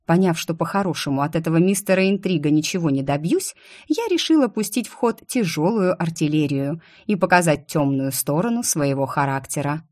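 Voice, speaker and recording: Expressive woman narrating a sci-fi novel. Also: deep voice, fairly quick, hardly any pauses. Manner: lively, indignant, expressive. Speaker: audiobook narrator. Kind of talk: first-person novel narration, voicing a young heroine.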